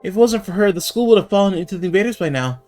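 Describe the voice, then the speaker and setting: A man's voice: high voice, animated, racing, a little mellow, soft background music, pitched above the performer's own voice. A man doing a grandiose young student hero. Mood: rousing. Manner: grandiose, old-fashioned, melodramatic.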